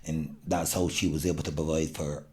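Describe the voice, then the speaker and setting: A middle-aged man with a Barbadian accent talks in a very deep voice. He is earnest and sincere, often stopping and restarting mid-sentence as he gathers his thoughts. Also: level tone, darkish tone. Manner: earnest, halting, many restarts. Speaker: guest. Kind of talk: casual interview.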